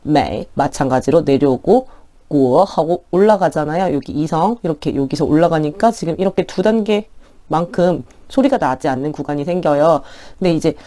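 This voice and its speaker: A woman teaching an online language lesson in a friendly, polite explaining tone, slowly drawing out words as pronunciation models. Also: low voice, lively intonation, warm tone.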